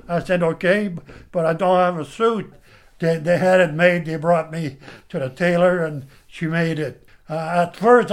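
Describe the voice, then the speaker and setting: An older man from Quebec recounting how he came to play Santa Claus, often repeating his words as he starts. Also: high voice. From Quebec, Canada. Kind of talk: telling a story in an interview.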